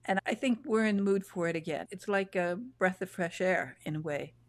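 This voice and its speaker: A woman show host at her home in Texas interviews an author over a video call, chatting casually and reminiscing effusively. Her voice is on the low side and moderately paced, with no echo.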